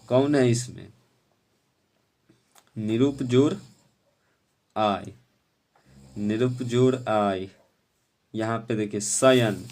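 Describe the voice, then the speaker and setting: A man teaching an exam-prep lesson, quizzing students and urging them to answer quickly. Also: mid-range voice, darkish tone.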